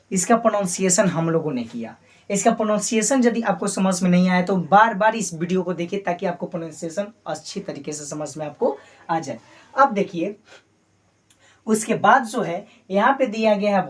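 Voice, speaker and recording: Hindi-speaking male teacher drilling letters. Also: high voice. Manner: drills letters by repeating them, call-and-response; firm, coaxing classroom tone with rhetorical questions. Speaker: English teacher. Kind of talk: spoken English lesson in Hindi.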